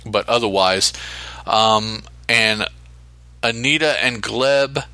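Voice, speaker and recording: Man with a dry, sharp voice. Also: fairly low pitch, smooth, dry recording. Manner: halting, with restarts and counting aloud. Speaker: podcast co-host. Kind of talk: casual chat.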